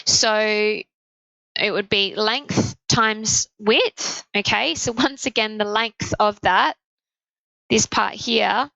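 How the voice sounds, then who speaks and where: Brief: croaky female maths teacher, bright voice, working sums out aloud step by step, dry close sound. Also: medium pitch, slow, no echo, muffled recording. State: croaky, sore throat. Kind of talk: maths lesson explanation.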